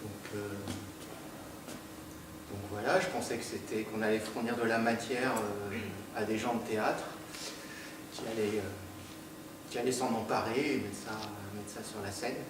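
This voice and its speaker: A man speaking haltingly about taking the stage in an amateur play, trailing off with fillers. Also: on the low side, fairly even intonation. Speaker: amateur theatre participant. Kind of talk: casual spoken account. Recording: echoey room, far from mic, noise.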